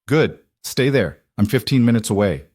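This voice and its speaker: A man voicing a protective single father, speaking in a calm, steady, firm way. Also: medium pitch, moderate pace, breathy edge, dry recording, clean studio sound.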